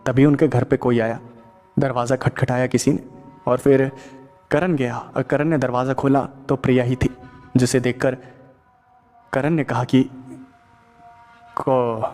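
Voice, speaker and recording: Man narrating a horror story over soft music. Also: medium pitch, fairly even intonation, moderate pace, pauses often, in a large hall. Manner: plain, repetitive linking of events. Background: faint music.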